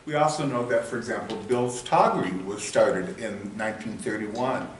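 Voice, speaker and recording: A man presenting local history at a membership meeting, his lowish voice picked up from a distance in a very echoey hall, with faint room noise behind him. He rambles and trails off while searching for names. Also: moderate pace. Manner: rambling, searches for words with many fillers. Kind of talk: casual public talk.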